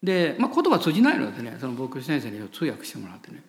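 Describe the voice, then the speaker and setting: Male pastor, Kansai accent, animated storytelling sermon, very lively pitch. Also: fast. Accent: Kansai Japanese. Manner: animated storyteller, laughs at himself.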